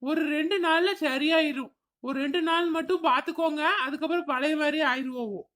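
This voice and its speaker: A woman playing a brusque, impatient male doctor in a cartoon. Her voice is pitched high for the role, and she speaks. She hurries through curt orders. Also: fairly quick, a bit bright. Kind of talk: cartoon comedy voice acting.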